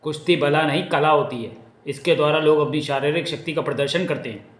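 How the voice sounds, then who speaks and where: A man's voice: on the high side, steady tone, brisk, fairly bright tone, close to an everyday voice. A man voicing a cunning, rude male schemer at a royal court who mocks everyone. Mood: scheming. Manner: cheeky, mocking. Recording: echoey room.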